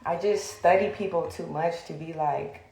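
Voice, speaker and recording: A woman's voice: on the low side, moderate pace, a little mellow, a little hiss or hum. A young woman in a heated, blunt rant to the camera, swearing and filling with "like". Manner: heated, blunt, swears often, many fillers. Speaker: social media personality. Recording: echoey room.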